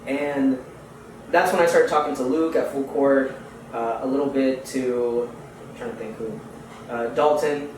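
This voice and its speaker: His medium-pitched voice is a little mellow, steady in tone and unhurried. The speaker is a young man from Houston, United States, guesting on a podcast and chatting casually with lots of slang and fillers. An echoey room, faint noise and a distant mic mark the recording.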